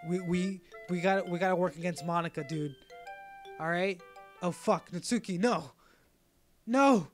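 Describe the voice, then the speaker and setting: Profane excitable male game streamer. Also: high voice, moderate pace. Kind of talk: casual let's-play commentary. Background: game music.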